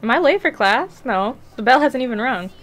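A young woman with a fairly high, slightly bright voice commentates casually on a video game while she plays, speaking expressively at normal speed. She's a gaming streamer doing let's play commentary on a headset mic in a small room at home. Chatty and easily distracted, she swears and laughs now and then.

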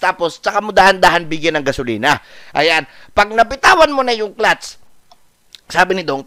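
A man's voice: sits high, no room sound, clean studio sound. A man from the Philippines telling a story in a casual vlog, acting out the dialogue and repeating lines. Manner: animated, acts out dialogue with repetition. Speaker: vlogger.

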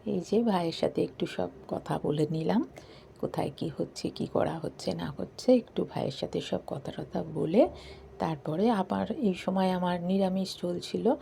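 Hushed gravelly woman narrating softly. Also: fairly low pitch, moderate pace, a little hiss or hum. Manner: hushed, late-night talking. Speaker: vlogger. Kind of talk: softly spoken voice-over narration. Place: balcony at night.

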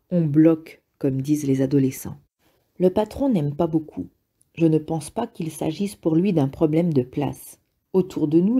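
A woman reading a memoir aloud in the first person, calm and measured. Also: deep voice, slightly rough. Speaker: reader.

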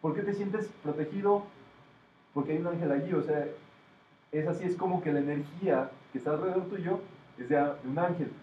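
A man's voice: on the high side, a little fast. A man teaching a metaphysics class, explaining and asking his students questions. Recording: echoey room, distant, dull, faint noise.

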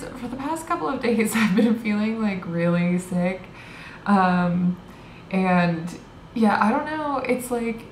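A young woman in her twenties chatting casually to a handheld camera in a small hotel room, rambling with lots of fillers and little laughs. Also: a little high. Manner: rambling, filler-heavy, giggly. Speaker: vlogger. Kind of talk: casual vlog chat. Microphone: handheld camera close up. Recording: roomy hotel room sound, faint hiss.

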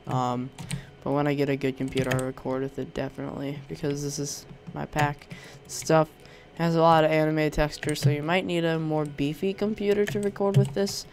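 A young male Minecraft YouTuber with a sore throat casually shows off a resource pack in gameplay commentary. His voice is fairly high with little pitch movement, and he talks at a moderate pace with hardly any pauses. He rambles hesitantly, full of ums and restarts.

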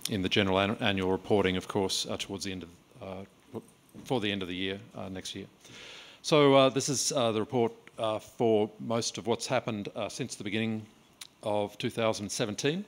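A middle-aged man presenting a report at a conference lectern, steady and matter-of-fact. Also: lowish voice. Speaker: organisation head giving a report. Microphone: lectern microphone.

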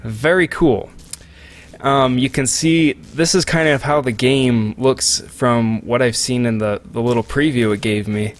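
Steady in tone and measured in pace, a medium-pitched male let's play commentator chats casually over his game, joking and rambling at the audience through a close desk microphone.

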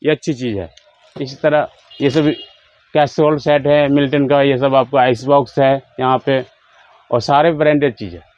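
A man in his thirties giving a steady salesman's patter in a small crowded shop, running through brands and prices. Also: medium pitch, normal speed. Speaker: wholesale shopkeeper. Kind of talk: sales pitch for a shop tour. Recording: slightly dull, faint background hum.

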